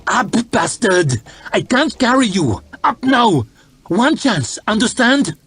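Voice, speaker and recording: A man doing a fierce, hard-voiced fugitive woman who snaps out harsh orders. Her voice sits high and husky, and the pitch jumps about a lot in this audiobook-style reading. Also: very animated, takes it slowly, fairly bright tone, dry recording, full character voice. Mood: fierce barking. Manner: harsh urgent commands.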